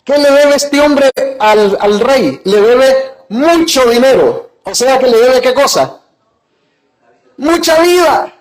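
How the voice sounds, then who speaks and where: A high-pitched man preaching as a pastor. He retells scripture in his own words and keeps asking his listeners questions, then answers them himself. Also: expressive, takes it slowly, poor audio. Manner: asks the congregation rhetorical questions. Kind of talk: sermon.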